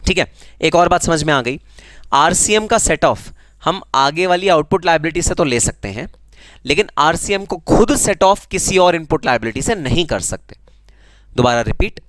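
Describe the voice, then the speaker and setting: A man's voice: on the high side, a bit bright, dry recording. A man with an Indian accent teaching a live online tax class, teasing students and answering their comments in a conversational way. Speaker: GST teacher.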